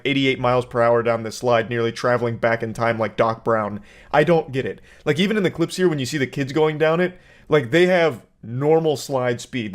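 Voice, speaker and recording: A man giving casual comedic commentary as a video host, rambling in mock-serious analysis with swearing and hyperbole, close on the microphone. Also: medium pitch. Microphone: close desk microphone.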